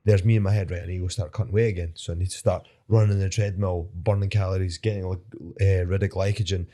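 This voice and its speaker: A man's voice: low-pitched, level tone, fast talker, dark tone. Laid-back Scottish man telling a story. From Scotland. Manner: swears freely, laughs often, rambling anecdotes. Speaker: podcast guest, mixed martial arts fighter. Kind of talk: casual storytelling interview.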